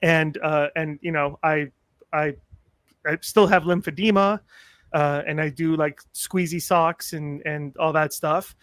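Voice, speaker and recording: High-voiced man in his forties telling stories. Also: measured pace, no room sound. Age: 40s. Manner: animated, self-mocking humor, acts out quotes. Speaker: podcast guest. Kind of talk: casual storytelling chat.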